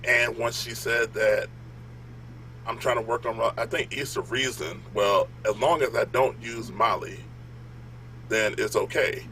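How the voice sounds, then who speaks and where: A man co-hosting a casual panel podcast, speaking in a measured, reflective way. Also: medium pitch, steady tone, sharp tone, a little hiss or hum, rough recording. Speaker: podcast co-host.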